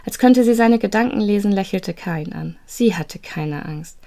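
A woman narrating a children's advent story in a calm, measured reading voice. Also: medium pitch, creaky.

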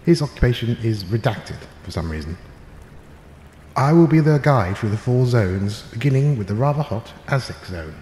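A man playing a pompous, posh male game show host, presenting in a grand, slow, theatrical way. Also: medium pitch, animated, dark tone, lightly acted. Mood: grandiose. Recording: echoey roomy room with faint noise.

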